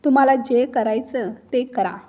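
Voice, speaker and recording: A woman's voice: high-pitched, moderate pace, mellow, lightly acted. A woman voicing a worn-out, feverish young wife who pleads wearily in a storybook reading. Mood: weary. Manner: weary, pleading.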